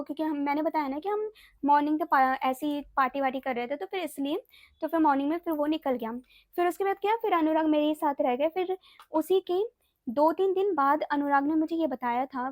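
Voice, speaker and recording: High-voiced young woman telling a story. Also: no room sound. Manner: chatty, mixes Hindi with English phrases and fillers. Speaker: vlogger. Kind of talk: casual storytime chat.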